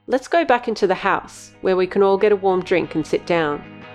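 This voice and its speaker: A woman narrator voices a steady middle-aged father, shrewd and calm. He speaks in a measured, soothing way in a storybook reading, close to the reader's own voice. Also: medium pitch, soft background music, lightly acted.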